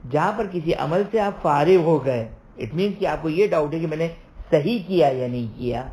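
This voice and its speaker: A man's voice: on the high side, expressive, warm tone. A man giving an online religious law lecture over a video call, explaining step by step, repeating points and checking with "right?".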